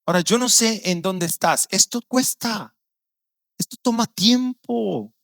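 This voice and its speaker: A male pastor with a Guatemalan Spanish accent preaching a sermon, telling stories with vivid acted-out voices and dropping low and quiet on serious points. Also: a little slow, creaky, no echo. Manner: storytelling, acting out quoted voices with sudden loud outbursts.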